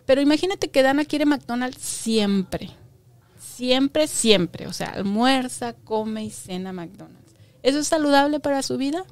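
A woman's voice: sits high, lively intonation, normal speed, a little mellow. A woman teaching a Bible lesson to children, patiently asking them questions and stressing key words by repeating them.

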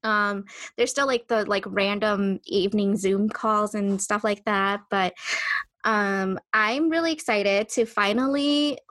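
A woman's voice: medium pitch, steady tone, slow, fairly bright tone, dry recording. Lady podcast cohost, super casual chat, says like a lot, dry recording no room sound. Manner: informal, uses "like" often. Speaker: podcast co-host.

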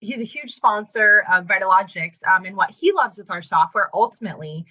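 A woman's voice: medium pitch, animated, a little fast, bright, forceful tone, dull audio. A woman in her thirties co-hosting a podcast, chatting casually and bubbly, laughing often. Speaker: podcast co-host. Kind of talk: casual chat.

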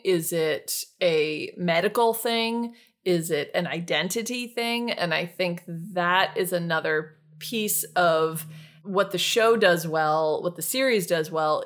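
A woman in her thirties, co-hosting a relaxed podcast conversation with a slightly low voice. She tells stories with animated energy and leaps into loud, shouted quotes when acting out other people. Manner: animated storyteller, acts out quotes with big shouts. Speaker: podcast co-host. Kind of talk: casual chat.

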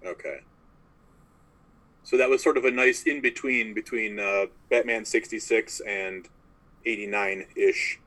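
A man's voice: fairly low pitch, measured pace, pauses often, sharp tone, low-quality recording. A man co-hosting a podcast in casual chat, wry as he tells a story. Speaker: podcast co-host.

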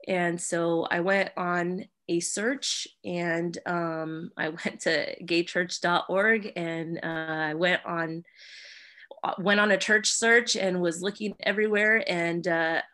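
A woman's voice: fairly low pitch, fairly even intonation, takes it slowly. Hesitant young woman sharing testimony. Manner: hesitant, many fillers, soft laughs. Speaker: church member sharing her story. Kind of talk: personal testimony.

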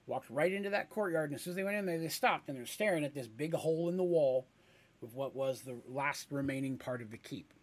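A man's voice: fairly high pitch, fairly bright tone. A man narrating a fantasy tabletop story in a casual, rambling way.

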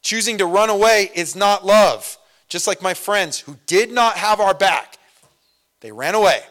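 A man preaching a sermon in a conversational way, full of asides and fillers, moving between loud emphasis and quiet storytelling. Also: high voice, lively intonation, a little slow. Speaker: pastor.

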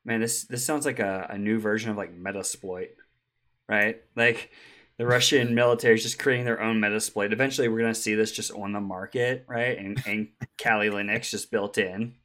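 A man's voice: lowish voice, fairly even intonation, fairly quick, pushed and bright. A man co-hosting a casual tech podcast, chatty, with frequent ums and easy laughs. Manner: chatty, laughs easily, many ums and restarts. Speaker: podcast co-host.

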